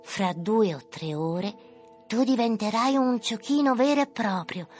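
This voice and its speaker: A small, kindly marmot lady, as a male narrator puts her on, high and soft, consoling in a slow, soothing way. She gently lectures like a wise neighbor in a storybook reading. Music plays underneath.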